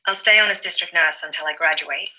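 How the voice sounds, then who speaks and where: An earnest young nurse. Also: female voice, low-pitched, fast talker, sharp tone. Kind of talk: television drama dialogue. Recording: roomy sound.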